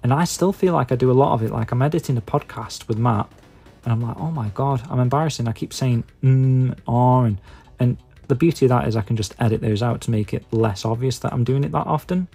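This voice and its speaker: Mellow man with a Stoke accent. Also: mid-range voice, fast, gravelly, slightly rough, soft background music. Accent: Stoke-on-Trent English. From England. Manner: hesitant, self-deprecating waffling with many filler phrases. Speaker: YouTube video maker and podcaster. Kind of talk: casual rambling chat to viewers.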